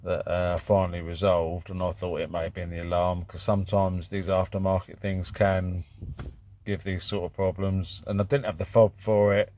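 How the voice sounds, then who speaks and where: Low-pitched British man, casual car-repair vlogger. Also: level tone, moderate pace, a little mellow. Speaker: vlog host doing DIY car repairs. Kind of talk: casual chat and work commentary.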